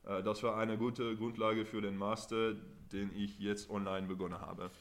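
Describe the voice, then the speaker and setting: A man's voice: fairly low pitch, level tone, moderate pace. A man from the Netherlands, a podcast guest answering questions carefully with frequent hesitations. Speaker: podcast guest, rugby player. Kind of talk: interview answers.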